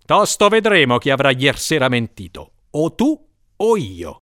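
A man's voice: medium pitch, wildly swooping pitch, measured pace, fairly bright tone, no echo, clean studio sound. A man voicing a proud, angry middle-aged nobleman who speaks sternly and with indignation.

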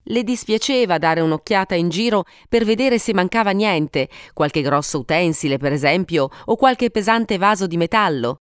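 A woman reading a story aloud for an audiobook, slightly low, with smooth, resonant tone. She narrates expressively with dramatic pauses, recorded close and dry. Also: lively intonation, no room sound. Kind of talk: scripted narration.

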